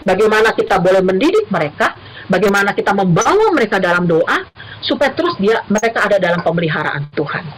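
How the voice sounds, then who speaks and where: A woman's voice: mid-range voice, very animated, quick pace, slight background noise, rough recording. A middle-aged woman, a university lecturer, giving an earnest church talk to the congregation. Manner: earnest, addresses listeners as brothers and sisters. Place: church service.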